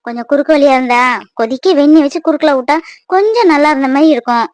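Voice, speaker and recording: A complaining young mother from a cartoon, voiced by a woman. Her high, whiny voice keeps nagging and scolding, and the recording is dry and close with no room sound. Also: animated, fast, a little mellow, no echo. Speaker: mother of a crying baby.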